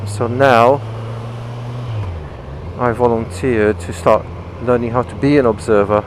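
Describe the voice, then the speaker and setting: British guy chatting inside his bike helmet while riding, explaining stuff, normal male pitch, road noise behind him. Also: steady tone, measured pace. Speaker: motorcycle vlogger. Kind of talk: casual explanatory vlog talk while riding. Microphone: microphone inside the helmet. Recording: clear engine, wind and traffic noise.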